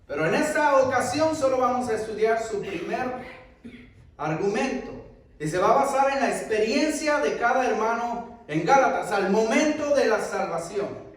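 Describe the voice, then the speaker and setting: A man preaches in a very high voice, his pitch rising and falling with emphasis. He asks rhetorical questions in a sermon style. He is heard from far off, with heavy echo filling the church hall. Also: expressive, moderate pace. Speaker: pastor. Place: church sanctuary.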